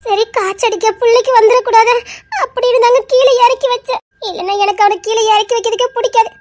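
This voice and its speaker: A timid young wife, acted by a woman, sobs through her lines in a Tirunelveli Tamil accent. Her voice sits extremely high, hesitant and small. This is web-series drama acting. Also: steady tone, quick pace, a little mellow. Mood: tearful. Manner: sobbing, hesitant.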